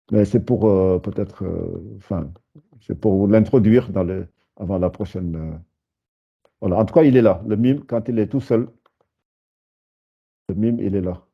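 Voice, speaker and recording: A man leads a beginner lesson, breaking words into syllables and drawing them out slowly, with frequent hesitant fillers. His voice sits low. The recording is dull and lo-fi. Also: slightly rough. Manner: patient, spells syllables slowly, many hesitations. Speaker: Arabic teacher. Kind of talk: live beginner lesson with students.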